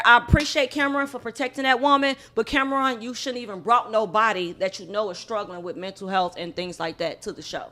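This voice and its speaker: An outspoken woman co-hosting a casual podcast, her voice sitting a little high and sounding bright and forceful. She talks bluntly and freely with her co-host.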